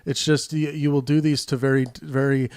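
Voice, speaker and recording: A man's voice: on the high side, flat delivery, normal speed, darkish tone, clean tone, dry recording, clean studio sound. A man hosting a casual voice-chat discussion, thoughtful and hesitant, with many fillers and restarts. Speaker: host.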